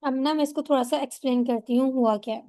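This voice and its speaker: Woman teacher, young adult, high voice, patient classroom lecture, checks understanding, drawls out example words slowly. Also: steady tone, warm tone. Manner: explains patiently, often checks understanding with a rhetorical question; slows down to spell out example words syllable by syllable.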